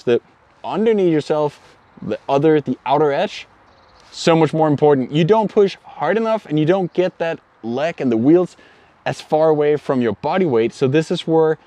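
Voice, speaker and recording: A man's voice: fairly high pitch, darkish tone, dry recording. A man from Denmark explaining inline skating technique in an earnest, repetitive tutorial manner. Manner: earnest, explanatory, repeats words while thinking. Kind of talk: instructional tutorial.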